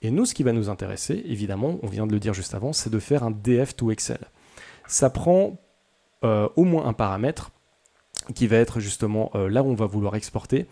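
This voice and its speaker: A man's voice: lowish voice, expressive, fairly quick, vocal fry, dark tone. A young man hosting a casual coding tutorial, chatty and self-deprecating, with many hesitations.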